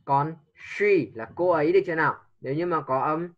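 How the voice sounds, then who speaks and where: A man's voice: on the high side, fairly quick. Patient male tutor prompting a young pupil, muffled lo-fi sound. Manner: patient, coaxing with repeated prompts. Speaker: English teacher. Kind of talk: online English lesson with a child.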